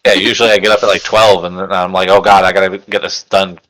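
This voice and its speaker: Easygoing low-voiced man co-hosting. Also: little pitch movement, fast, a bit bright, rough recording. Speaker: podcast co-host. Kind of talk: casual book club podcast chat.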